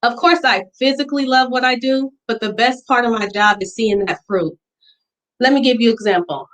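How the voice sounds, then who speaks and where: Earnest woman pitching her hair business. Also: fairly bright tone, rough recording. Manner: earnest and emotional, fighting back tears at times. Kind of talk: virtual business pitch presentation.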